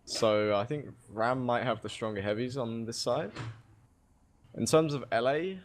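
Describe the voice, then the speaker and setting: A man's voice: mid-range voice, unhurried. A man co-casting a live esports match, giving loose analytical takes. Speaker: esports co-caster.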